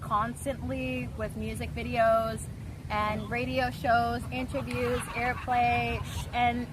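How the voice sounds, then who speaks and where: A woman chatting casually as an interview guest over food, halting often with fillers and repeated words. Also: fairly high pitch, flat delivery, background noise.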